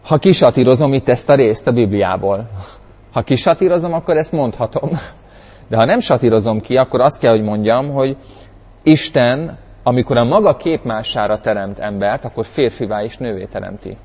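A man's voice: medium pitch, expressive, darkish tone, long reverb tail. A man teaching from the Bible in a conversational way, reflective, often searching for words, with bursts of dramatic emphasis. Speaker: preacher.

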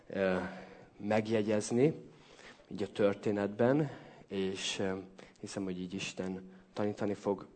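A man leads a Bible teaching in a casual, informal way. His voice sits a little low. He keeps checking in with his listeners and pauses to gather his thoughts. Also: darkish tone. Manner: informal, repeats "oké" and fills pauses with hesitations. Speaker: preacher.

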